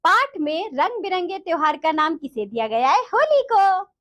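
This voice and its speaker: A woman teacher going through a textbook lesson for young children, explaining slowly and repeating the answers. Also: very high voice, very animated, fairly bright tone.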